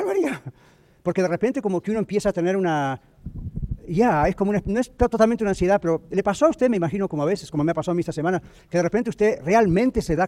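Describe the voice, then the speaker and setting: Brief: middle-aged man, pastor, quick lively sermon delivery, tenor-ish voice, slips in English phrases. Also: high-pitched.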